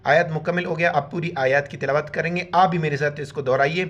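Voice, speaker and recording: A man teaching Quran recitation, chanting words letter by letter in slow drawn-out syllables and explaining each rule in quick plain speech. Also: a little high, steady tone, a bit bright, lo-fi sound. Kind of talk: spelled-out recitation lesson.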